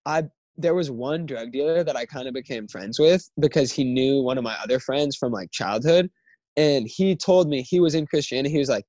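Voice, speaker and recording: A man's voice: mid-range voice, normal speed, a little mellow, dry recording, muffled recording. Rambling young man, dry close sound. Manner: rambling, heavy use of filler "like". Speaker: podcast guest. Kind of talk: casual podcast chat.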